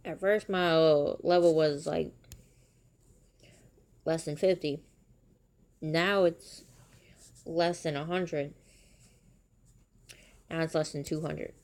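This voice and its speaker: A woman streams herself playing a mobile game, chatting casually and rambling. Her voice sits a little low for a woman, and it jumps up into shocked, animated exclamations. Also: slow, long pauses.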